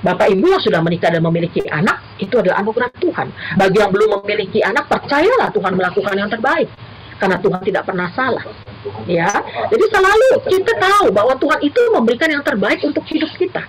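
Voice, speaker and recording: A woman's voice: mid-range voice, lively intonation, fast talker, a little hiss or hum, poor audio. A middle-aged woman, a university lecturer, giving an earnest church talk to the congregation. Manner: earnest, addresses listeners as brothers and sisters. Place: church service.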